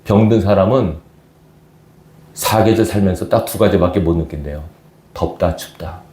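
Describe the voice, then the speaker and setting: A man's voice: deep voice, moderate pace, dark tone, reverberant. A man preaching a sermon as pastor to his congregation, often asking them questions. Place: church sanctuary.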